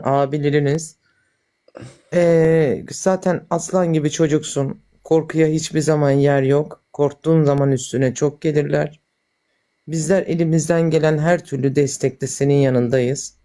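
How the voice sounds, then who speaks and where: A woman's voice: deep voice, steady tone, moderate pace, warm tone. A woman on a livestream talking casually and supportively, with a firm, encouraging manner. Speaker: livestream participant.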